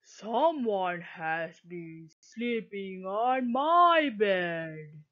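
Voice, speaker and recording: A woman voicing a big, gruff papa bear in a children's story, speaking slowly and heavily. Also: mid-range voice, expressive, lo-fi sound, voice pushed down. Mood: grumbling.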